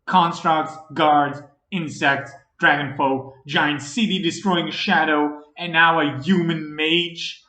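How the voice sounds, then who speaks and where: A man reading fantasy audiobook narration in a dramatic, expressive way. The recording is roomy. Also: a little high, takes it slowly, hardly any pauses. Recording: roomy echo.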